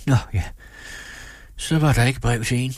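A man's voice: lowish voice, breathy edge, no echo, studio quality. A man voicing a sly, fiery young island woman who talks in a confiding half-whisper.

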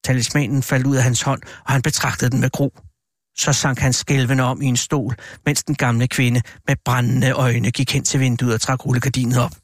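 A man narrating a horror tale as an audiobook, in a measured, deliberate way. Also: mid-range voice, flat delivery, no echo, studio quality.

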